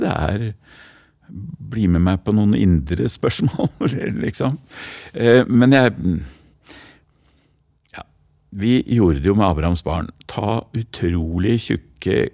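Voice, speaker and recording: A middle-aged man from Oslo with an East Oslo accent, a stage actor talking in an interview with thoughtful, halting restarts. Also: on the low side, darkish tone, no room sound, studio quality. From Oslo, Norway. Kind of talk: interview guest, then slam poetry.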